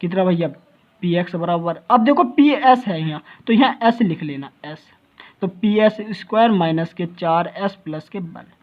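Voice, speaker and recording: A man's voice: high-pitched, lively intonation, normal speed, muffled recording. A male math teacher giving a lecture, constantly asking his students rhetorical questions and calling them brother.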